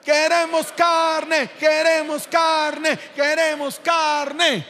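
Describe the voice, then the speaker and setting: A preacher doing grumbling Israelites wanting meat. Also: male voice, extremely high pitch, moderate pace, in a large hall, slight background noise, pitched above the performer's own voice, heavily acted. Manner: loud, shouted complaining.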